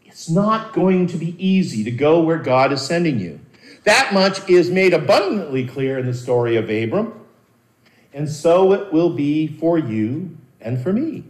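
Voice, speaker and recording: A man preaching a sermon as a pastor, earnest and animated, with dramatic pauses and repeated words. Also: a little high. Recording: roomy echo.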